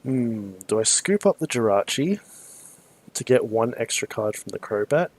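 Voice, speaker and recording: A relaxed man talks through his moves as he streams a card game. His voice sits at an average pitch for a man. The delivery is loose, chatty and quick to chuckle. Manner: relaxed, chatty, muses aloud and chuckles easily. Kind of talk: casual thinking aloud while playing.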